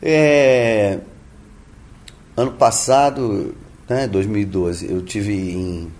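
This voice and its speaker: A musician from Rio de Janeiro with a Brazilian Portuguese accent answers interview questions thoughtfully, often restarting sentences and adding tag questions. His voice is lowish and darkish, and he speaks extremely slowly.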